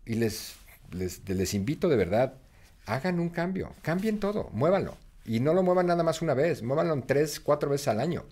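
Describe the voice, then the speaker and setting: A man's voice: on the high side, big pitch swings, moderate pace, warm tone, breathy edge. A man with a Mexican accent, a guest in a casual talk, speaking in a reflective and encouraging way and urging listeners to act. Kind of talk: casual conversation.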